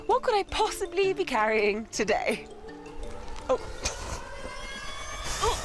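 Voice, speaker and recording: A woman vlogging on camera outdoors high on a mountain, breathless and exclaiming as she climbs. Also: sing-song, takes it slowly. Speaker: travel vlogger. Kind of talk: on-camera vlog. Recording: music playing under voice.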